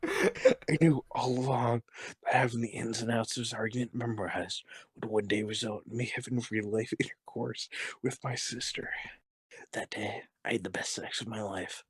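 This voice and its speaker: A man reading a joke post aloud in a deadpan, mock-dramatic way with long pauses. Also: lowish voice, slightly rough, no echo.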